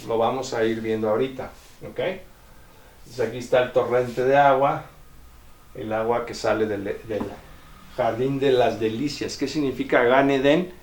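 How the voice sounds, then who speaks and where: A man giving a Bible lecture. He explains step by step, often checks in with his listeners, and slowly sounds out ancient Greek terms. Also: mid-range voice, fairly even intonation. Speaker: Bible teacher. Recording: roomy echo, distant mic.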